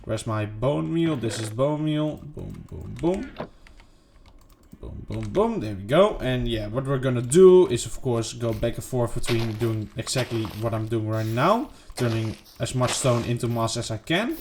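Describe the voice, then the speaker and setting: An expressive man with a darkish tone talks at a moderate pace with hardly any pauses as he narrates his gameplay for a video. It's casual and unedited, rambling and self-questioning with lots of fillers and "boom," over a little hiss or hum.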